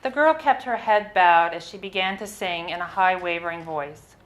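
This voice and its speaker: A writer reads her own personal story aloud, her voice a touch low. She delivers it with measured expression suited to a live literary reading, occasionally tripping over a word, and the recording is rough.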